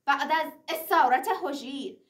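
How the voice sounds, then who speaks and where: A woman's voice: sits high, fairly bright tone, distant mic. A woman reciting a traditional epic in the declamatory manner of a teahouse storyteller, moving between dramatic verse and narration.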